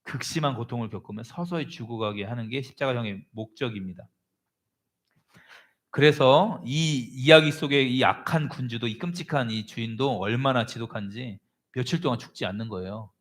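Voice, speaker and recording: A male pastor preaching a sermon, telling a story with animated delivery and calling on congregation members by name. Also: medium pitch, moderate pace.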